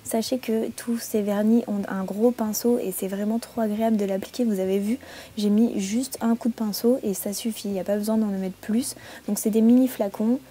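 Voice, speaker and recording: A woman vlogger chatting casually in her bedroom while reviewing products, relaxed and chatty with frequent hesitations. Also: mid-range voice, normal speed, a little hiss or hum. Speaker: beauty vlogger.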